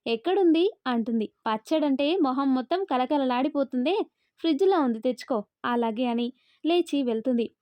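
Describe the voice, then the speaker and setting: A woman narrating a love story and reading every character's lines in one steady, quick delivery. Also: high voice, dry recording. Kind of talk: scripted narration of a love story, all parts read by one voice.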